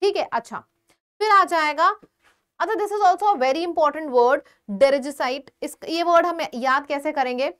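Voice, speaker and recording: High-voiced Indian woman teaching vocabulary. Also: a bit bright. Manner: explains slowly, repeats words, quizzes the viewer. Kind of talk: exam-prep vocabulary lesson.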